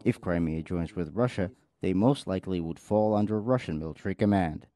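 A man voices an English translation over interview footage, calm and matter-of-fact. His voice is very deep, with a dark, mellow tone. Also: brisk, dry recording, clean studio sound.

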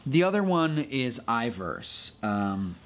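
A man's voice: mid-range voice, slow pace. Man explaining apps casually. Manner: relaxed, explanatory, with many fillers and restarts. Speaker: podcast co-host reviewing comic apps. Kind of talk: casual chat. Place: comic store, indoors.

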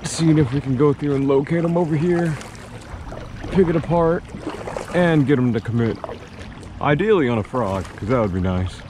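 A man's voice: on the high side, moderate pace, long pauses. A young man giving casual running commentary while fishing from a kayak on a lake, chatty and self-deprecating, talking to himself and to the fish. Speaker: fishing vlogger. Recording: outdoor water noise behind voice. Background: water and outdoor ambience.

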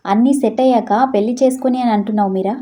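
Brief: a level-headed mom, as a woman storyteller does her, mellow low timbre. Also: very fast, close to an everyday voice. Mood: calm, firm. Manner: calm, reasoning. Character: caring, firm middle-aged mother.

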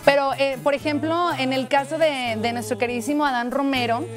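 High-voiced chatty Mexican woman host. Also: steady tone, over music. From Aguascalientes, Mexico. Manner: chatty, playful, quick asides. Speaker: TV music show host. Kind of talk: lively studio interview. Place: TV studio with a band. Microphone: handheld mic.

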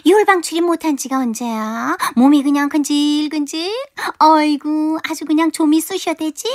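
A woman's voice: high-pitched, normal speed, no echo, studio quality, lightly acted. A woman voicing a sly, teasing body spirit in a radio comedy, taunting its owner. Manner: taunting, mocking. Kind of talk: radio comedy sketch acting.

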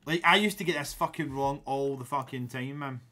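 A man with a Scottish accent streaming a game, chatting to his viewers in a sweary, excitable way that breaks into shouting. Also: mid-range voice, a little fast. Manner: sweary, loud and excitable, shouting when riled. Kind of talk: casual gaming stream chat.

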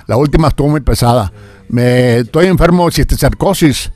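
A man's voice: mid-range voice, darkish tone. An older man, a radio announcer, talking in a casual interview and often stumbling and repeating words. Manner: halting, repeats words after a stroke.

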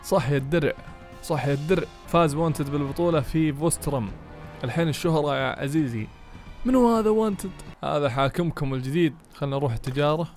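A man giving excitable let's-play commentary, cursing enemies and cheering allies. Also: medium pitch. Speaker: gaming YouTuber. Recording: music playing behind.

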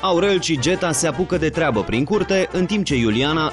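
Man, scripted wry narration, clear music under voice. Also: fairly high pitch, animated. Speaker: show narrator.

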